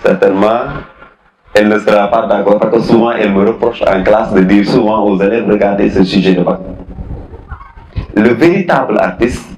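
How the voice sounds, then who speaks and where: A man's voice: fairly low pitch, a little fast, darkish tone, reverberant, slight background noise, low-quality recording. A man teaching a philosophy class, repeating key phrases, questioning students and switching between French and Wolof. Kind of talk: classroom lesson.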